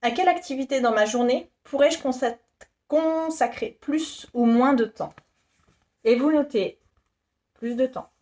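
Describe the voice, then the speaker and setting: Casting: upbeat woman vlogger in her thirties, giggly and gushing, a little higher voice. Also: a little slow, pauses often, darkish tone. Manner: giggly, self-deprecating, gushing. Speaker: YouTuber presenting her shop. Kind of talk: casual chatty vlog.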